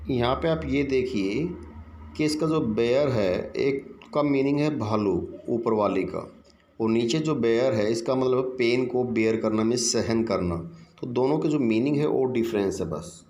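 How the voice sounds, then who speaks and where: Guy teaching class, slow and careful, talks it through step by step. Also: mid-range voice, darkish tone, a little hiss or hum. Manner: reads English lines slowly, then explains them in Hindi. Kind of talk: classroom exercise explanation.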